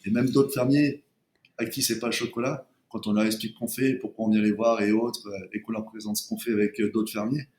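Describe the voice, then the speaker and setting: Give me a man with a fairly low voice, chatting casually and hesitantly as an interview guest. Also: flat delivery, fairly quick, darkish tone. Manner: hesitant, many restarts and fillers. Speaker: chocolate brand co-founder, guest.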